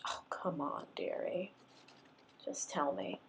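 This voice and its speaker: A smug middle-aged Scottish man teases in a low, gravelly half-whisper, as if sharing a private joke. A woman reader puts him on. The voice stays hushed and close, more breath than tone. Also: very animated, takes it slowly, exaggerated voice. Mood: teasing.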